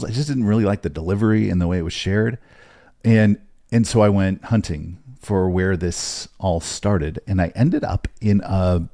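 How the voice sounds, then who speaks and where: A man hosting his own podcast as a business coach, talking in an energetic, chatty way and laughing often. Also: sits low, no echo, clean studio sound. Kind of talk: casual podcast monologue.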